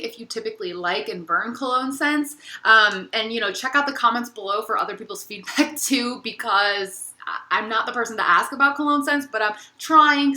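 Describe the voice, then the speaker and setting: A woman with a bright, forceful, slightly high voice talks through a casual product review, often pausing to hunt for the right word. Her voice rings around an echoey room. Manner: chatty, searching for words with many fillers. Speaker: candle reviewer.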